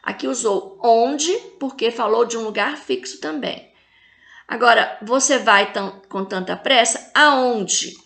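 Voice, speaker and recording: Brazilian woman, teacher, recorded video lesson, slightly high voice, drawn-out words. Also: gravelly, a bit bright. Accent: Brazilian Portuguese. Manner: slow, drawn-out syllables when reading example words.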